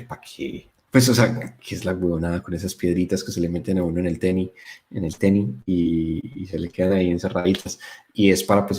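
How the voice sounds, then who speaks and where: Young colombian guy, lowish voice, animated story telling, lots of eh's. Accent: Colombian Spanish (Paisa). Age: young adult. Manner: animated storyteller, many fillers. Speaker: guest, software developer. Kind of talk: casual interview chat.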